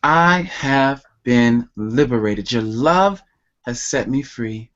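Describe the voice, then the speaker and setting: A man's voice: medium pitch, lively intonation, slow, a bit bright, highs cut off. A man, a poet guest, reading his love poems with emotional intensity and then talking about where they came from. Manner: emotional, intense, tender delivery. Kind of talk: slow poetry reading and interview answers.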